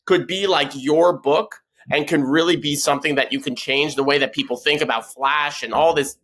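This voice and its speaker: A Canadian-born man hosts a podcast with a bright, forceful voice pitched a touch high. He teases his guests and restarts sentences as he goes. The tone is loose and chatty. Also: steady tone, normal speed. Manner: teasing, stumbles and restarts. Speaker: podcast host. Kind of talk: casual chat.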